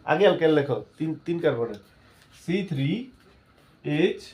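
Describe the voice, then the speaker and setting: A man's voice: a little high, moderate pace, darkish tone. A male chemistry teacher, giving a classroom lesson. He keeps asking his students questions and then answers them himself.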